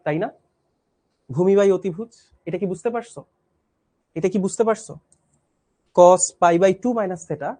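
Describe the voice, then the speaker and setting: This young teacher runs a math lesson online and live, his voice high and strained but soft. Step by step, he goes over things again with patience, frequently asking if the students keep up.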